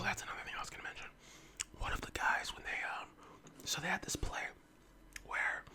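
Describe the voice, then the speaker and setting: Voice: medium pitch, bright, forceful tone. An ASMR host of unclear sex whispers close to the mic, as if leaning in, in an informal, meandering casual chat. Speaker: ASMR eating-video host.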